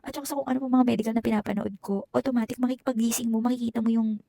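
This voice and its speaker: Young woman vlogger, gravelly voice, dry close sound, emotional personal story. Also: fairly high pitch, fairly even intonation, rapid-fire, mellow, dry recording. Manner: emotional, Taglish code-switching, chatty asides.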